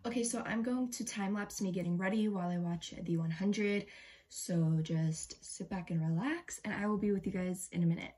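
A woman's voice: mid-range voice, moderate pace, dark tone, a little hiss or hum. A teenage girl talking casually to her viewers in a day-in-my-life vlog, chatty and full of fillers, recorded in her bedroom on a camera in front of her. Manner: chatty, filler-heavy, addresses viewers directly. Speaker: vlogger. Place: bedroom at home, indoors.

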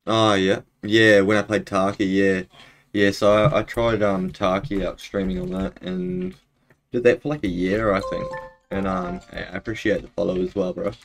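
Low-voiced man with a broad Kiwi accent. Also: moderate pace, creaky, faint music behind. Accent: New Zealand. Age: young adult. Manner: laid-back, slangy. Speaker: game streamer. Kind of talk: casual chat while live-streaming a game. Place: small indoor room at home.

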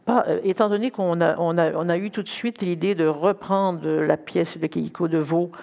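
A woman's voice: lowish voice, normal speed, creaky, a little mellow. An older woman talking unscripted about music as an ensemble director, in hesitant stop-start phrases with repeated words. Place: large concert hall stage, indoors. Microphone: headset.

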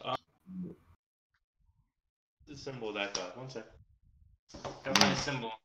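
A man narrating as game master in an online tabletop game, pausing often to look up details. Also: medium pitch, reverberant, very noisy. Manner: halting, looks things up mid-narration.

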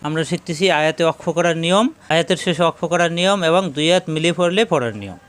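A man teaching recitation, explaining slowly and then chanting verses in a drawn-out style. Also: fairly high pitch, fairly bright tone, clean tone. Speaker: Quran teacher. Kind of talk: recitation lesson.

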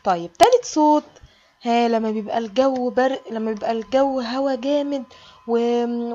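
A woman's voice: high voice, lo-fi sound. A woman with an Egyptian Arabic accent, teaching a kindergarten alphabet lesson in a sing-song way and stretching out the letter sounds for small children.

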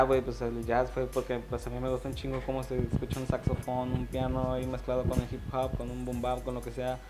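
A young man, a rapper guest in a casual interview. He speaks in a laid-back, slangy way with drawled fillers, into a handheld mic in a small music studio. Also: mid-range voice. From Mexico. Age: 20s.

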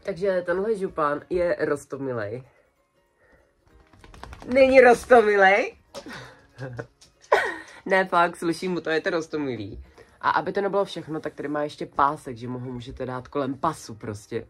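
A woman's voice: low-pitched, animated, pauses often, faint music behind. A young adult woman vlogging in a small bedroom, chatting casually and colloquially as she shows off her purchases one by one to a close camera. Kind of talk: casual haul video chat. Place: small decorated bedroom indoors.

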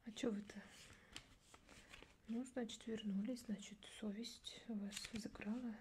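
A woman's voice: a little high, steady tone, a little slow, background noise. Barely audible ASMR role-play, young woman. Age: young adult. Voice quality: soft soft voice, mostly unvoiced, barely audible. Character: gruff, disdainful female border guard inspecting a traveller. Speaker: ASMR performer playing a border officer. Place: small dark indoor studio setup.

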